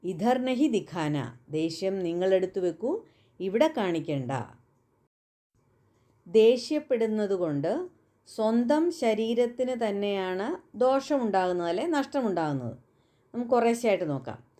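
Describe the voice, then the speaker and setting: A woman whose first language is Malayalam teaches Hindi phrases at an unhurried pace. Her voice is soft and mellow, and she repeats every example with care. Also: mid-range voice, sing-song. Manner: slow, careful repetition of example phrases. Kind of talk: spoken language lesson.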